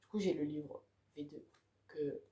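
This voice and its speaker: A woman's voice: deep voice, fairly even intonation, measured pace, mellow. A woman chatting casually and enthusiastically about the books on her reading pile. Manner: chatty, enthusiastic, ends phrases with "quoi". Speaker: book vlogger.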